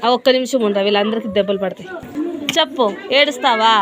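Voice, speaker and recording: High-voiced woman scolding a child. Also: fast, a crowd in the background. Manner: teasing, scolding. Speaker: tuition teacher. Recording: noisy room with children around.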